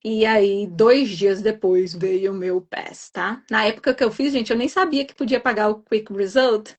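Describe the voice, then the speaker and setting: A woman nurse, a guest in a live chat, recounting a personal story in an animated, emphatic way. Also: mid-range voice, unhurried, dull audio.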